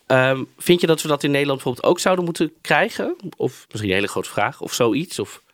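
A man's voice: mid-range voice, lively intonation, fairly quick, fairly bright tone, dry recording, studio quality. A man co-hosting a podcast in casual chat, asking questions with hesitant restarts. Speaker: podcast co-host.

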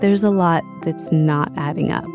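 A woman host narrates a documentary podcast in a measured, reflective manner. Her voice sits a little low. Soft guitar music plays behind her. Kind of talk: documentary narration and phone interview.

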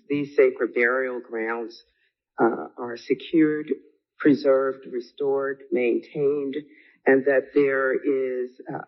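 A man giving deliberate public remarks as a speaker at an official occasion. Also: mid-range voice, vocal fry. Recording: dull lo-fi meeting audio.

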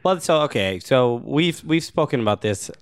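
A man's voice: mid-range voice, animated, normal speed, no echo, clean studio sound. A man co-hosting a podcast with casual sports talk, agreeable and easygoing. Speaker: podcast co-host.

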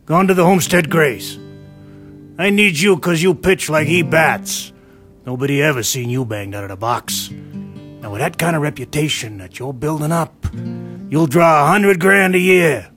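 A man's voice: a little high, normal speed, fairly bright tone, soft background music, lightly acted. An actor playing a blunt, persuasive male team manager in a radio drama. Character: male team manager, pushy and cautious promoter.

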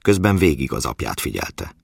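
A man calmly reading a story aloud in a measured way. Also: rumbling low, vocal fry, husky, no room sound, studio quality. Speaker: narrator. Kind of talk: scripted story narration.

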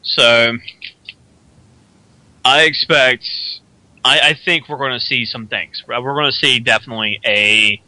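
A man with a very bright, forceful voice co-hosts a casual radio talk show. He talks in an opinionated, speculative way and sounds dry and close to the mic. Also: mid-range voice, steady tone, no room sound. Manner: opinionated, speculative, acts out quick character voices. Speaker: podcast co-host. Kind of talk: casual chat.

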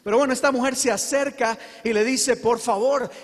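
A man preaching a sermon to his congregation, earnest and emphatic, with slow dramatic pauses. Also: extremely high pitch, fairly even intonation, long reverb tail. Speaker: pastor.

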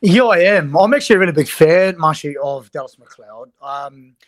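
Higher-pitched Antipodean man talking rugby. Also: expressive, moderate pace, no room sound, clean studio sound. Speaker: rugby coach guest. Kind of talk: sports interview analysis.

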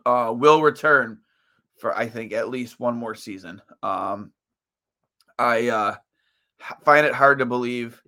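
A man's voice: mid-range voice, takes it slowly, pauses often, pushed and bright. A tired man hosting a solo sports podcast, rambling through his thoughts with lots of fillers and restarts. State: tired, yawning.

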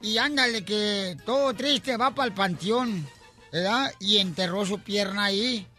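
A man hosting a morning radio comedy show, telling jokes loudly and playfully. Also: sits high, a little slow, soft background music. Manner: loud, playful joke-telling.

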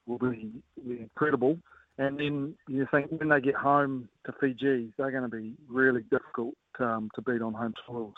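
A man giving casual, measured sports analysis as a guest coach, often pausing with filler phrases. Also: mid-range voice, no echo. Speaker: rugby coach as guest pundit. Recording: narrowband phone-like line.

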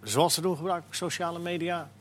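Hesitant Dutch sports radio host. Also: male voice, on the high side, fairly even intonation, fast, fairly bright tone, slight background noise. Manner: hesitant, many fillers. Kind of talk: casual sports talk.

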